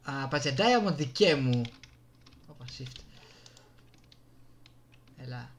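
A man with a Greek accent hosts a gaming video from his computer indoors, talking into a desktop microphone. His medium-pitched voice is expressive as he gives casual, exasperated commentary with some swearing. Slight background noise is present.

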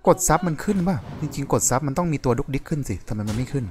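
A young man casually commentating his card game on a live stream, chatty and quick, greeting viewers by name and apologizing often. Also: mid-range voice, lively intonation, music in the background. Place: home room at night.

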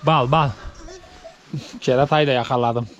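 A man vlogging from a snowy farm barn, chatting casually to camera while doing chores and cooing at newborn goats, then dropping to soft low chatter. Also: steady tone, unhurried, lo-fi sound, a little hiss or hum. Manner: coos and baby-talks at animals, rising high and loud; drops to soft, low chatter when explaining. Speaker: village vlogger tending goats.

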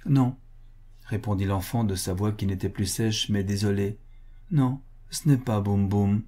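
A man voicing a sick little boy of seven, frail and wistful, in a high, breathy, fragile voice. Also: steady tone, normal speed, mellow, lightly acted. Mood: desolate.

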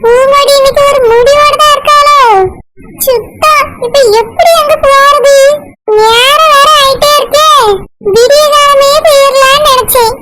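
A woman with a Kanyakumari Tamil accent voicing a scheming older village mother-in-law who grumbles to herself fast and fretfully. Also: very high voice, fairly even intonation, pitched above the performer's own voice, full character voice, low-quality recording. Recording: loud background noise.

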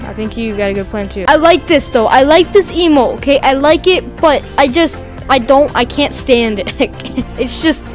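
A fairly high-voiced woman chats over her gameplay in a loose, slangy way, quick to yell and laugh at what happens on screen. Faint game music plays underneath. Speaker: gamer streaming gameplay. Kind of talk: casual gameplay commentary.

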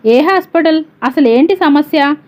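A woman's voice: high-pitched, unhurried, darkish tone. A woman voicing an anxious, consoling young woman. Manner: eager questioning, soothing reassurance. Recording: dull lo-fi recording.

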